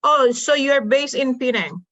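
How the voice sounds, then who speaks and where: A woman's voice: high-pitched, lively intonation, measured pace, fairly bright tone, dull audio. Chatty Indonesian-raised woman hosting. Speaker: host. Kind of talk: casual panel chat.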